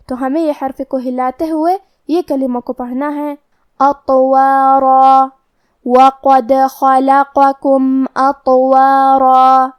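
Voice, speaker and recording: A woman teaching Quran recitation, explaining pronunciation rules in a measured, step-by-step way. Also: high voice, warm tone. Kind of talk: tajweed lesson, explanation and slow recitation.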